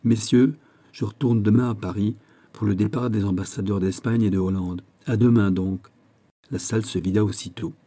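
A man reading a classic novel aloud as an audiobook narrator, shading the dialogue with small shifts of pitch and level but no full character voices. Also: steady tone, normal speed, warm tone.

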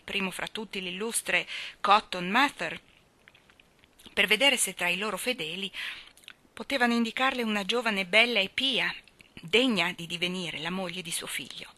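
A woman reading a novel aloud as audiobook narrator, measured and expressive. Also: medium pitch. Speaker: audiobook reader.

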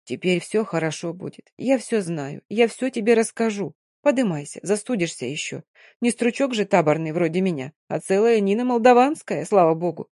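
A woman voicing an old Romani nomad woman, loud, scolding and emphatic, in an audiobook. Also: mid-range voice, lively intonation, moderate pace, no echo, studio quality, close to an everyday voice. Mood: tender.

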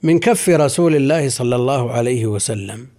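Mellow-voiced man giving a scholarly lecture. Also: medium pitch, expressive. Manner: measured, dwells on word forms and quotes. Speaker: scholar explaining hadith.

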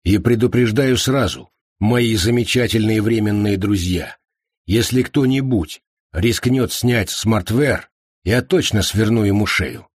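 A man voicing a calm, broad-shouldered man who speaks unhurried and slightly haughty. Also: lowish voice, breathy edge, dry recording, clean studio sound. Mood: cool.

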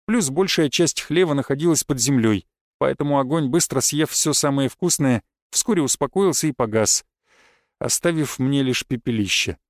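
A man narrating a first-person audiobook in a calm, cold, matter-of-fact manner. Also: mid-range voice, moderate pace, dry recording, clean studio sound.

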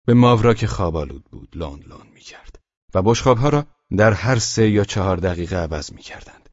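A man narrating a novel as an audiobook, reading in a steady, measured way, in a dull lo-fi recording. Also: on the low side, no room sound.

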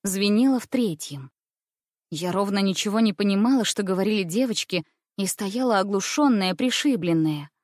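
A woman reads the narration of a children's story in an even, measured way. Her voice sits in a middle range and the recording is close and dry. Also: medium pitch, no room sound.

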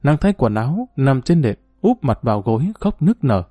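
Mellow male audiobook narrator. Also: mid-range voice, very animated, moderate pace, dry recording, studio quality.

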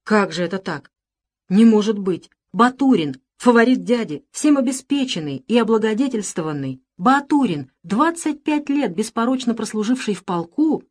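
A woman voicing a furious, hot-tempered gentleman who shouts in indignation. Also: a little high, lively intonation, moderate pace, pitched above the performer's own voice.

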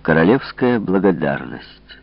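Deep-voiced guy reading an audiobook, measured and dramatic, muffled lo-fi sound. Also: sing-song, gravelly, dry recording. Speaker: audiobook narrator. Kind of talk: scripted narration. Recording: dull lo-fi recording.

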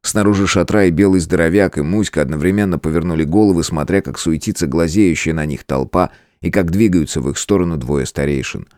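Very deep-voiced male audiobook narrator. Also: a little mellow, no room sound, clean studio sound. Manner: measured, dramatic storytelling. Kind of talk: scripted dramatic narration.

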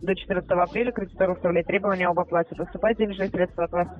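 A woman's voice: on the low side, fairly even intonation, very fast. A woman debt collector on the phone, pushy and scolding. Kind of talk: collection call. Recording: tinny phone line.

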